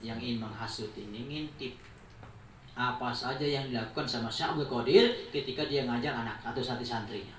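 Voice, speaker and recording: A man preaching at a memorial gathering, telling lively stories with jokes and acting out dialogue. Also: mid-range voice, a little fast. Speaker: Islamic preacher. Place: large room in a private home. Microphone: distant mic. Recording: roomy, distant mic, faint noise.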